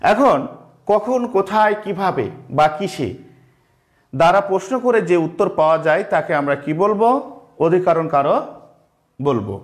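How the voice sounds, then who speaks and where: A Bangladeshi man teaching an online grammar lesson, slow and repetitive, asking questions and answering them himself. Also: high-pitched, lively intonation. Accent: Bangladeshi Bengali. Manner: slow, repeats key terms, asks and answers his own questions.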